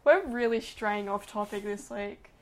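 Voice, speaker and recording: A woman's voice: mid-range voice, a little slow. A woman co-hosting a podcast, chatting casually and gushing like a gossipy storyteller. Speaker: podcast co-host. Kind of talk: casual chat.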